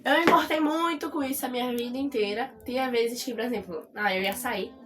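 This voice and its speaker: A woman's voice: a little high, fairly quick, noisy background. A woman with a Brazilian accent giving casual advice straight to her viewers, repeating her points and checking in that they understand. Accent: Brazilian Portuguese. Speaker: vlogger.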